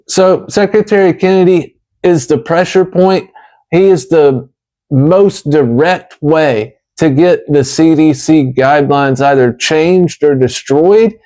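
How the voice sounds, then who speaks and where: A man speaks slowly in a somewhat high voice with a slight retainer-like lisp. He sounds earnest and emphatic, like an advocate making a case in deliberate phrases. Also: darkish tone, rough recording. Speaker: chronic pain patient advocate.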